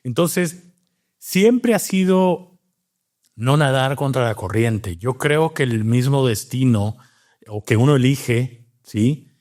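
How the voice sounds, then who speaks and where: A man's voice: mid-range voice, lively intonation, slow pace, darkish tone. Reflective Cuban-born man talking. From Cuba. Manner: reflective, with many fillers and restarts. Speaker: guest, doctor and scientist. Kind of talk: casual interview talk.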